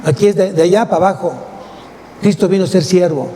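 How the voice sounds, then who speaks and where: A man's voice: high-pitched, fast, dark tone. A man with a Mexican Spanish accent preaching a sermon, speaking emphatically and putting rhetorical questions to his congregation. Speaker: pastor. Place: church sanctuary. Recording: long church hall reverb, faint noise.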